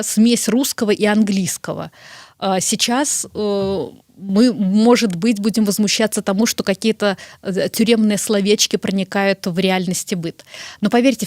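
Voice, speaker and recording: Dry, close-miked woman explaining calmly. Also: medium pitch, no echo. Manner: measured, explaining, appeals to the listener. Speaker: guest. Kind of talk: interview answers.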